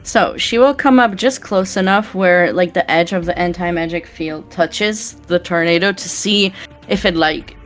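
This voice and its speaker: A woman's voice: lowish voice, normal speed, soft background music. A woman playing a tabletop game, casually talking through what her character does. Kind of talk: casual game chat, describing character actions.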